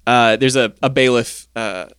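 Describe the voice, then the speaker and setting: A man's voice: mid-range voice, measured pace, fairly bright tone, clear, resonant tone, no room sound, studio quality. A man acting as game master, narrating casually with hesitant, improvised phrasing.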